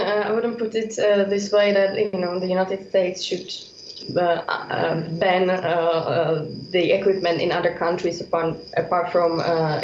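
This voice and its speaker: Woman from the czech republic, low flat voice, echoey muffled call, faint room noise. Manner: halting, heavy use of uh fillers. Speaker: political analyst. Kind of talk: remote expert commentary. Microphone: video call. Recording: echoey muffled remote link.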